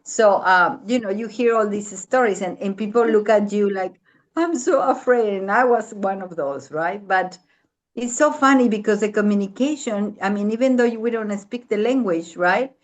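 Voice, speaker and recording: A woman telling a travel story in a casual family chat, talking in an animated, halting way with many fillers and restarts. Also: mid-range voice, rough recording. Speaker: guest aunt.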